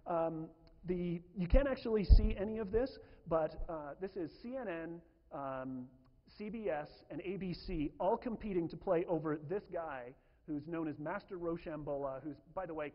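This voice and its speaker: Man giving a talk in a big hall. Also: fairly high pitch. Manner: chatty, many fillers and restarts. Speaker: conference speaker. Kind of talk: presentation talk. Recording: dull lo-fi sound in a reverberant hall.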